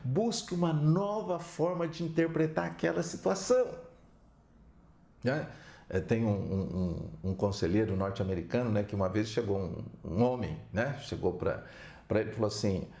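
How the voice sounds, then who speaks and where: A man giving an animated storytelling talk as a counselor, often tagging his lines with "né?". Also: fairly low pitch, moderate pace, vocal fry. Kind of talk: storytelling talk with religious examples. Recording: roomy echo.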